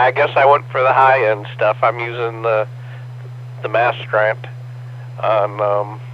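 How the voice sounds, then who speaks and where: A man speaks over a two-way radio link in a low, even voice that barely rises or falls. He checks in on an amateur radio net in an easygoing way, pausing often as he talks. The transmission sounds muffled, with faint static and hum underneath. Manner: easygoing, even-toned, with frequent pauses and fillers. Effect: heard over a two-way radio link with static and hum. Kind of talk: casual on-air check-in.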